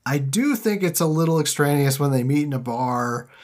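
A man's voice: on the high side, expressive, moderate pace, a little mellow. Wry man musing casually about a movie. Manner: loose, wry, many "like" fillers. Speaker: podcast co-host. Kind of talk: casual film discussion.

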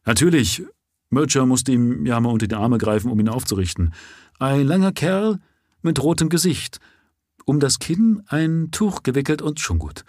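A man voicing an excitable, gruff police constable with a husky voice in a live-read story. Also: medium pitch, moderate pace, no room sound, studio quality, pitched above the performer's own voice. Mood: indignant. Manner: agitated, raised and indignant.

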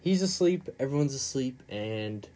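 A man's voice: mid-range voice, animated, normal speed, a little mellow. A male podcast host giving a casual, rambling recap of a chapter in informal, slangy storytelling.

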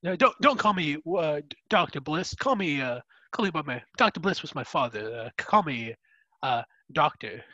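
A pompous, flustered doctor stammers and insists on his title in a comedy podcast skit, as a young man puts him on. The voice is high and bright, recorded dry. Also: animated, moderate pace, no room sound, dull audio. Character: fussy pompous male doctor, incompetent.

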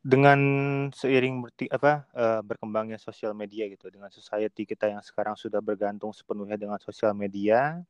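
A man's voice: fairly low pitch, fairly even intonation, fairly quick, no echo. A man talking casually and animatedly on a remote podcast from home, slangy and mocking online commenters. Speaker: podcast guest.

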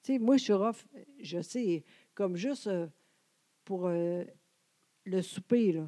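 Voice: medium pitch, slow, warm tone. A Québécois co-host in their forties, chatting casually and agreeing often. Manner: agreeing, brief interjections. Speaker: podcast co-host. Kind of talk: casual chat.

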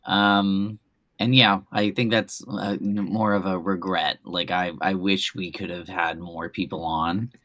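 Low-voiced woman, close and dry. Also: level tone, unhurried, a bit bright, no echo. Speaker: podcast co-host. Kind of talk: casual chat.

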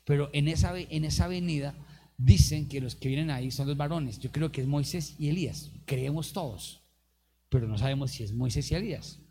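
Gravelly-voiced man preaching with fire. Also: fairly high pitch, brisk, a little hiss or hum. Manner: animated preaching with acted-out quotes and calls to the congregation. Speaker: youth pastor. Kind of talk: energetic sermon.

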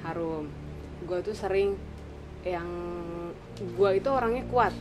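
Over music and a clearly noisy room, a young woman from the Cibinong area of Indonesia tells a ghost story in a group chat. Her Jakarta-area accent and informal Jakarta slang come through in a casual, lively telling, with a medium-pitched voice at a slow pace.

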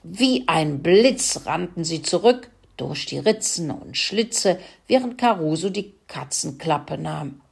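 Slow, low-voiced woman reading a story. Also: animated, gravelly, breathy edge.

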